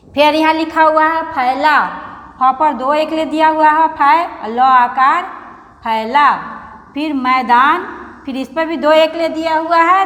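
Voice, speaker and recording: High-voiced woman teacher in an echoey room. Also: a bit bright. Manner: patient, repeats words and spells them out slowly; calls the pupils "beta" affectionately. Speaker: primary school teacher. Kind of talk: recorded online lesson for young children. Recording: echoey room, long reverb.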